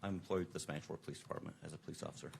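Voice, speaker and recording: A middle-aged police officer testifying from the witness stand, heard through the courtroom's table microphone and giving brief, matter-of-fact answers. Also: male voice, rumbling low, fairly even intonation, rapid-fire, gravelly, a little hiss or hum. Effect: courtroom recording, voice picked up by the witness-table microphone.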